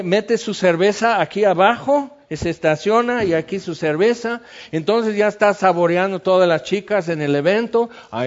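A man preaching a sermon, telling stories with sound effects and sometimes dropping to a hush. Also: high-pitched, lo-fi sound. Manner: animated storytelling with sound effects, dropping to hushed tones. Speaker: pastor.

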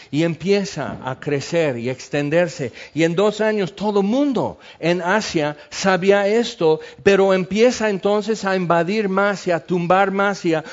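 A man preaching a sermon, telling stories with sound effects and sometimes dropping to a hush. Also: sits high, muffled recording. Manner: animated storytelling with sound effects, dropping to hushed tones. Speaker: pastor.

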